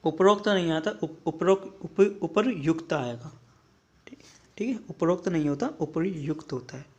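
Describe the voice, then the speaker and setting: A young man with a slightly raised pitch works through a spelling drill, word by word. He says the wrong form, then the right one, halting on hard syllables and checking in with a quick "okay" between items. The delivery is a steady, repetitive classroom style. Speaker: Hindi teacher. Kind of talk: spelling lesson for exam prep.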